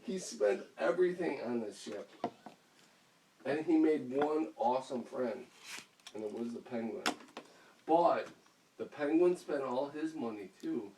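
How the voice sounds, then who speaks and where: Slow, lively dad telling a playful bedtime story. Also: male voice, medium pitch. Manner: playful, rambling, laughs mid-sentence. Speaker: father. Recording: roomy echo, mic far off, faint hiss.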